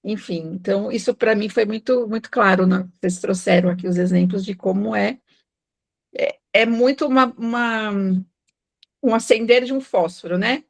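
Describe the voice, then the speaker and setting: Woman, gravelly voice, reflective anecdote, group video call chat. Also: mid-range voice, moderate pace. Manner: reflective storytelling with many "né?" tags. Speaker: book club participant.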